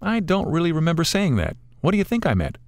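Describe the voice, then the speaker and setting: Man doing an energetic wisecracking pilot pal, raised pitch, quick and bright, storybook reading. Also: no room sound, studio quality. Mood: puzzled. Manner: energetic, sarcastic quips. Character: upbeat, wry adult male flying buddy.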